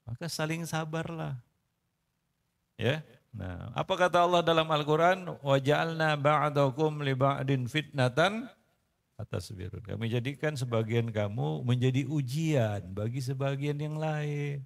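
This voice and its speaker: A man's voice: a little high, measured pace, vocal fry. A man giving a casual sermon to a congregation, bantering, quizzing his listeners and laughing often. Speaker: preacher. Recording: long reverb of a hall.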